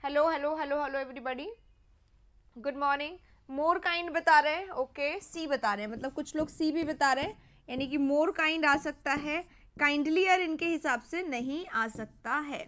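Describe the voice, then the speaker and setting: A young woman with an Indian English accent and a high-pitched, fairly bright voice teaches English grammar in a live online class for competitive exams. She mixes Hindi and English, reads example sentences slowly and quizzes viewers.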